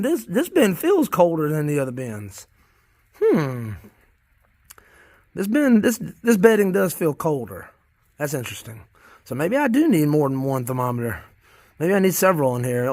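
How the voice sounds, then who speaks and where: A man's voice: fairly high pitch, sing-song, normal speed, a little mellow, no room sound. A man with a Southern American accent chatting casually to viewers in a vlog about his worm bins, rambling and repeating himself in a folksy way. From Southern United States. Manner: repeats phrases, restarts often. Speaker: worm farmer vlogger.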